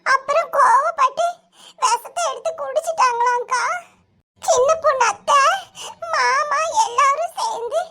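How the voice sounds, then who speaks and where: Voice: slow pace, bright, forceful tone, full character voice. A voice actor playing a younger sister in a cartoon, tearful and pleading, with a Kanyakumari Tamil accent. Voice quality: high, pitched-up cartoon voice. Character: younger sister comforting her older sister. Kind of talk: cartoon voice acting.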